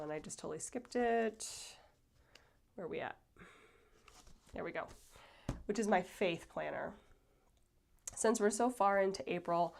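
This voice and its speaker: Casting: woman vlogger, slightly low voice, stuffy and breathy, rambling casual chat. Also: darkish tone. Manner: chatty, rambling, lots of fillers. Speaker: planner channel host. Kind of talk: casual planner flip-through.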